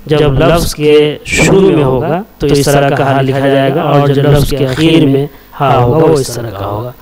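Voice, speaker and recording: A man teaching Arabic letters, repeating each sound patiently in a slow chanting cadence. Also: mid-range voice, over a noisy crowd. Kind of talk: slow recited lesson, drilling letter sounds.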